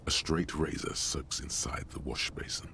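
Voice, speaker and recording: An actor voicing a brooding, solemn narrator in a video game, speaking slowly and gravely. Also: male voice, rumbling low, fairly even intonation, bright, forceful tone, slight background noise, full character voice. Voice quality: gravelly, slow and measured.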